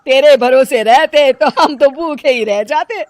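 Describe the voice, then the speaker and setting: Brief: scolding mother-in-law figure, slow and loud, woman actor. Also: high voice, no echo, clean studio sound. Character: scolding middle-aged mother-in-law, sharp-tongued. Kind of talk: cartoon dub acting.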